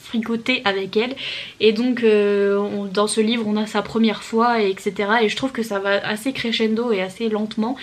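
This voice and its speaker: A young woman chatting casually to camera about books, laughing often and slipping English phrases into her talk. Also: a little high. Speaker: book youtuber.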